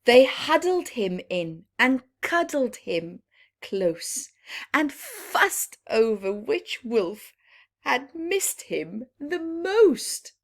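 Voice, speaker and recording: With a voice that sits high, a woman reads a picture book aloud to young children in an animated storytime style. She adds dramatic pauses and small explanations for her listeners.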